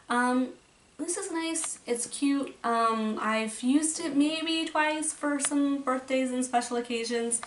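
A woman talking casually through a makeup declutter, rambling a bit and restarting her thoughts, in her bedroom. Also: fairly high pitch. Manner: rambling, chatty, trails off and restarts. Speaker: beauty vlogger. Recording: roomy, from a distance, faint noise.

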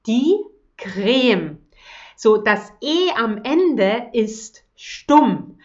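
A woman teaching German words, pronouncing each one slowly and carefully and then translating it into English. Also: a little high, big pitch swings, darkish tone, lo-fi sound. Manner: slow, careful pronunciation, switching to English translations. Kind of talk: language lesson, repeating words slowly.

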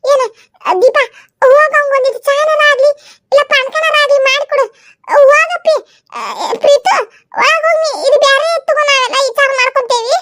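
A woman's voice: fairly even intonation, fairly quick, background noise. A woman voicing a nervous young daughter-in-law in a comedy skit, stammering in a North Karnataka Kannada accent. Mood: flustered. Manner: nervous, high-pitched, stammering.

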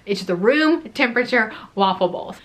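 A young woman telling a story straight to camera in a relaxed vlog. She talks chattily and leans on "like" constantly. She laughs often as she goes. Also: on the high side, moderate pace. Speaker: vlogger, former theme park food worker.

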